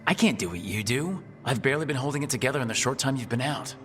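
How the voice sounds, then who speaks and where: An actor playing a young, self-doubting hero in a video game, earnest and plain-spoken. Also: male voice, medium pitch, animated, quick pace, in a large hall, soft background music, close to an everyday voice. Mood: troubled, doubtful.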